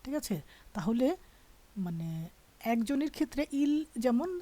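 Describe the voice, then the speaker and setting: A woman's voice: on the high side, lively intonation, unhurried, mellow. Patient woman teaching grammar. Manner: patient, explains step by step, often asks "all right?". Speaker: French teacher.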